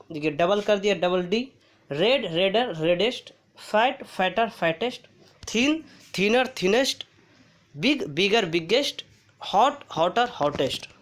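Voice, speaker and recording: Female teacher, unhurried, drills word lists and quizzes herself aloud, mid-pitched voice. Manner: reads word lists aloud, asks and answers own questions. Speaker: English grammar teacher. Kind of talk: slow classroom-style grammar lesson.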